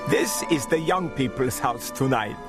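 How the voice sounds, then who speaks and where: A man voicing an old toymaker who speaks calmly and gravely. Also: medium pitch, unhurried, over music, pitched above the performer's own voice, lightly acted.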